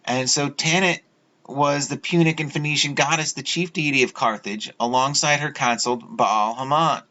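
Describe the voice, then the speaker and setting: Halting man rambling in a lo-fi video. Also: medium pitch, bright, forceful tone. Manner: halting, with many fillers and restarts. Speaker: video host. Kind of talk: rambling solo video talk over images. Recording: dull lo-fi audio.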